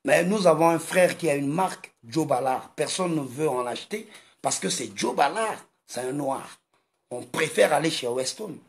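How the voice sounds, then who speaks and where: A man from Congo delivering an impassioned monologue in a slow, emphatic, repetitive manner. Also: a little high, creaky. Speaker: video commentator.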